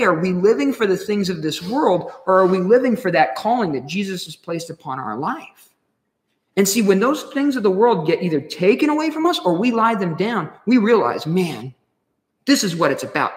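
A man's voice: fairly high pitch, fairly bright tone. A man giving a casual, slangy sermon with a laid-back, laughing manner. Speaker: pastor. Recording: echoey hall with long reverb.

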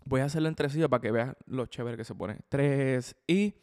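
A fast-talking man with a mid-range, slightly mellow voice hosts a drum podcast and teaches a casual spoken lesson. He's chatty, repeating words, restarting phrases and checking in with the listener often, all under long hall reverb.

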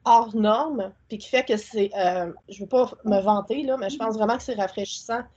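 A woman with a Québécois accent chats freely as a podcast guest, rambling with enthusiasm. Her voice is a touch high and husky. The sound is dull and lo-fi. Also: normal speed, mellow. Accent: Québécois French. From Quebec. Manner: chatty, rambling, enthusiastic, colloquial. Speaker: guest, spiritual content creator. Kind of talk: casual interview chat.

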